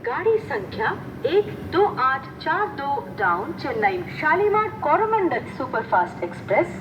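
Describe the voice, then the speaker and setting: A woman making a measured, sing-song railway announcement heard over a station loudspeaker on a platform. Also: sits high, very animated, music in the background. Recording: dull distant loudspeaker, noisy platform.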